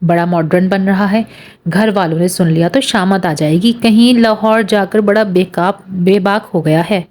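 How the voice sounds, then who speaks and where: A woman voicing a playful middle-aged aunt who teases and hushes her nephew, in an audiobook reading. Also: medium pitch, moderate pace, lightly acted. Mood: teasing scolding. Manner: teasing, scolding, hushing.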